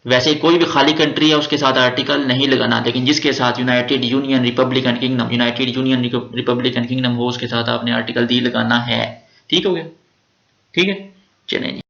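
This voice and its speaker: एक पाकिस्तानी लहजे वाला पुरुष शिक्षक, जो व्याकरण के नियम बार-बार दोहराकर धीरे-धीरे समझाता है।. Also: male voice, medium pitch, flat delivery, fairly quick, vocal fry, a bit bright. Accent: Pakistani Urdu. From Pakistan. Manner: repetitive, drilling rules step by step. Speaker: teacher. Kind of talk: grammar lecture. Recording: echoey room, dull lo-fi sound.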